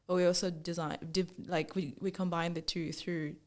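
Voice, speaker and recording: This young Zambian woman, founder of a fashion brand, tells her story in a relaxed interview, acting out quoted remarks and saying "like" again and again. Her voice is fairly low and moves at an ordinary pace, full of animated storytelling energy.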